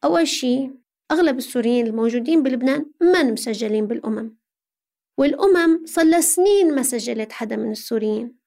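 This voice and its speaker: A Syrian interview guest from Aleppo speaks in a high-pitched voice, earnest and conversational. She explains her points and poses rhetorical questions as she answers.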